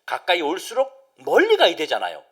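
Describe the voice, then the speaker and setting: A man's voice: high-pitched, wildly swooping pitch, moderate pace, slightly rough. A male pastor preaching a midweek sermon, acting out voices of the crowd and dropping at times to a near-whisper. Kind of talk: Wednesday service sermon.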